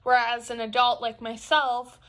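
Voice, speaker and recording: A woman's voice: fairly high pitch, level tone, a little slow, a bit bright. A woman in her twenties chatting casually in a vlog update, full of fillers and restarts, talking with a finger on her lips. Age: 20s. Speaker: vlogger.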